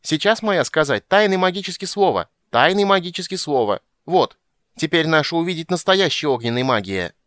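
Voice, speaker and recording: A man's voice: mid-range voice, lively intonation, normal speed, few pauses, a bit bright, dry recording, studio quality, pitched above the performer's own voice, lightly acted. A man voicing a grubby, stubborn female gully dwarf who squeals in broken grammar. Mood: furious.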